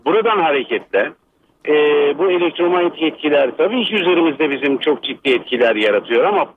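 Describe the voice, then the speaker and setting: A man from Bursa, an electrical engineer, calling a radio show over a landline phone and explaining in a measured, lecturing way with many hesitant fillers. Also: a little high, animated, slight background noise. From Bursa, Turkey. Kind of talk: explanatory call-in commentary. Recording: dull lo-fi phone line.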